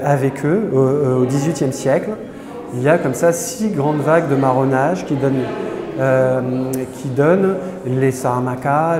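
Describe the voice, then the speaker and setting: A man explaining history at an exhibition, hesitant, with many filler sounds and restarts. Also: mid-range voice. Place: indoor exhibition gallery. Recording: echoey hall with crowd behind.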